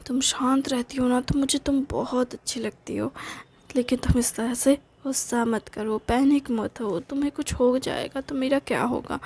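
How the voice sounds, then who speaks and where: Woman playing a soft-spoken doting husband, calm and tender, fairly high voice. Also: husky. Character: gentle, affectionate middle-aged father and husband.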